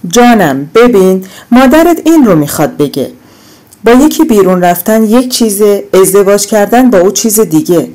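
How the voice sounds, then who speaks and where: A woman reading aloud plays a middle-aged father who reasons calmly and soothingly with his daughter. The voice stays in the reader's own dark, mellow register, only slightly lifted. It is an audiobook read by one performer. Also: medium pitch, natural voice. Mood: placating.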